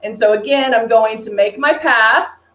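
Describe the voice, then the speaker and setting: Speaking unhurriedly in a slightly high, somewhat bright voice, this Texan beauty brand presenter does a live makeup tutorial and talks with viewers through their comments. Audio is dull lo-fi stream sound in an echoey space.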